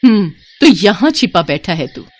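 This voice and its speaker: A woman with a mid-range voice and wide pitch swings, speaking at normal speed, voices a female snake shapeshifter in a storybook tale. The character is grieving and vengeful, and the delivery is dramatic and emotional.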